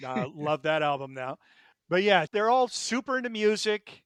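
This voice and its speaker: A man co-hosts a casual music podcast, eagerly sharing what he knows about bands and records. His voice sits a little high and comes through smooth and clear. The sound is dry and close. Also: big pitch swings, moderate pace, fairly bright tone, no room sound. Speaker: podcast co-host.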